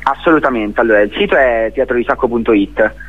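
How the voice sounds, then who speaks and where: This Italian theatre director speaks off the cuff on the radio, stumbling and repeating himself as he gropes for phrasing. His pitch is mid-range, with a thin, tinny sound.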